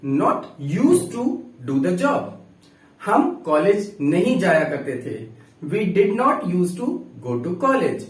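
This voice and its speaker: A man's voice: high voice, echoey room, distant mic, low-quality recording. A man teaching a grammar lesson, explaining patiently and dictating example sentences word by word. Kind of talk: classroom-style grammar lesson.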